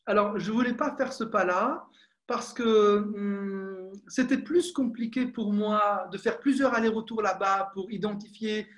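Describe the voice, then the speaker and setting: A young French film director discusses his work on a video call from a small room at home, using an earphone mic and speaking with many fillers and restarts. His voice sits high and a bit bright, and he's unhurried.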